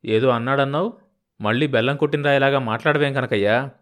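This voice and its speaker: A man's voice: medium pitch, fast talker, lightly acted. Stubborn blunt old farmer, sarcastic bite, voiced by a male audiobook narrator. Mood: gruff.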